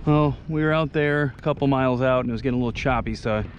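Filmed close up on an action camera, a man in his thirties races through casual commentary for his fishing vlog while kayaking on open water and on a beach. His mid-range voice sounds muffled, with slight background noise.

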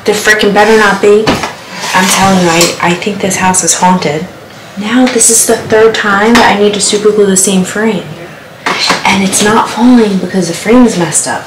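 A woman's voice: medium pitch, fairly even intonation, normal speed, very noisy. A woman in her thirties casually chatting and joking in a home vlog. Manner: joking, playful. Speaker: vlogger. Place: hallway at home, indoors. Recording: echoey room, voice a bit far from the mic, loud music behind.

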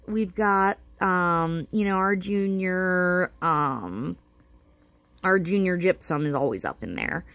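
A woman's voice: mid-range voice, no echo. A woman with a slightly wheezy voice, getting over pneumonia, casually narrating a home pet vlog. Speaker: home vlogger. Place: indoors at home.

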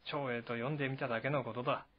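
Man putting on a loud swaggering warrior general. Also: mid-range voice, fairly even intonation, quick pace, highs cut off, natural voice. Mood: boisterous. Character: boisterous blunt male warrior general.

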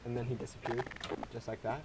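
A man's voice: mid-range voice, completely flat delivery, fast talker, a little mellow, slightly rough, low-quality recording. A young man chatting while gaming, giggly and melodramatic. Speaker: gamer. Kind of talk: casual gaming chat.

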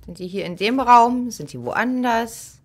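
A woman's voice: on the high side, expressive, measured pace. A middle-aged woman playing a horror game, thinking aloud in casual commentary on a headset mic. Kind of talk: casual let's play commentary.

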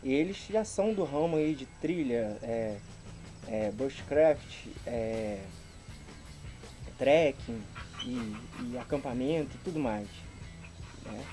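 Over soft background music, a man in his thirties with a Brazilian accent talks slowly and expressively in a mellow, mid-range voice. The YouTube vlogger is unboxing in a rural garden, chatting informally with slang and appreciative exclamations, recorded from a camera a couple of meters away.

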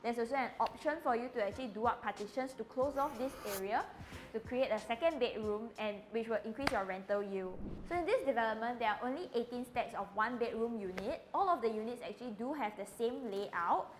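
A woman's voice: on the high side, expressive, brisk, background noise. A young Singaporean woman presenting a scripted property home tour to camera. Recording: light music bed behind voice.

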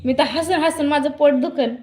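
High-voiced woman laughing through a live chat. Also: normal speed, a little mellow. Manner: laughs often, chatty and playful. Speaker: live streamer. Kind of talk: casual live-stream chat. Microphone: phone.

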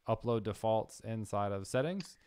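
A young man hosting a coding live stream, thinking aloud with fillers and getting excited. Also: on the low side, moderate pace, clean tone. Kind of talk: casual live-coding chat.

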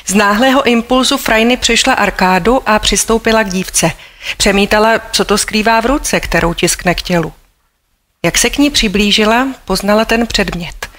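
Woman narrating an audiobook, measured. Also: mid-range voice, fairly bright tone.

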